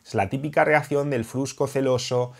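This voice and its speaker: A man's voice: mid-range voice, fairly even intonation, moderate pace, gravelly. A young man with a Spain Spanish accent, a dating coach talking straight to camera in an emphatic, heated and repetitive vlog monologue.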